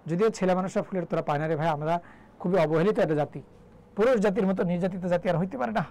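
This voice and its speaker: A man's voice: high-pitched, fast talker, darkish tone, rough recording. A young man from Bangladesh teaching English grammar in a live online class, chatty and joking as he quizzes students. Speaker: English tutor.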